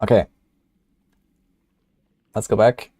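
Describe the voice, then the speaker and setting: Mellow-voiced male gaming streamer. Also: takes it slowly, dry recording, clean studio sound. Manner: rambling, filler-heavy. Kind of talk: casual livestream commentary.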